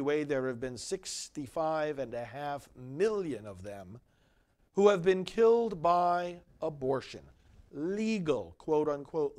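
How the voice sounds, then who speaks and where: A man speaking as a priest at Mass in a solemn, measured, deliberate way, with pauses between phrases. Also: fairly high pitch, darkish tone. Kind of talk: liturgical scripture reading and homily.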